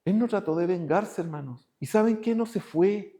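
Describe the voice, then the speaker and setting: A man preaching a sermon as pastor, moving between raised, emphatic lines and hushed ones. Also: high voice, normal speed.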